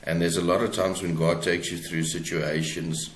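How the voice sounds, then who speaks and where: Deep-voiced and fairly flat in pitch, a South African man is interviewed on a podcast as an author. He reflects conversationally, choosing words haltingly, while the recording carries clear room echo and slight background noise.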